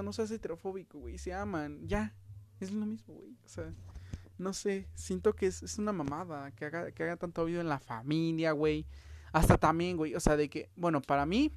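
A man's voice: on the high side, no room sound. A young man with a Mexican accent hosting his own show, giving his opinions in a heated, slangy rant full of fillers. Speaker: podcast host.

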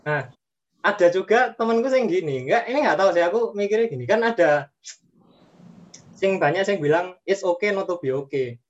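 A man's voice: sits high, animated, normal speed. A man asking questions in casual chat, a bit hesitant, with restarts. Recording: muffled lo-fi stream audio.

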